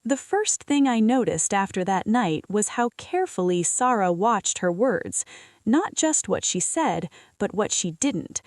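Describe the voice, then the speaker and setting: A woman's voice: medium pitch, very animated, a little slow, darkish tone, no echo, studio quality. A woman narrating a scripted, emotional first-person story as a storyteller.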